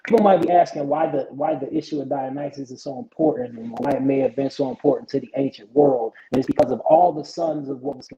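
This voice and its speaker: A man making a debate argument over an online call, his voice choppy and breaking up, delivered as a deliberate lecture. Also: medium pitch, steady tone, mellow, muffled recording. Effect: choppy, breaking-up call connection.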